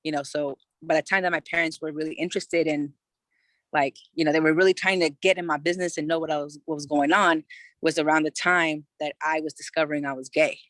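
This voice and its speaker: A Californian woman in her thirties appears as a podcast guest, telling her own story frankly and loosely, peppered with "you know" and casual swearing. Her voice is deep, steady, fairly bright, and fast, with no room sound in the recording.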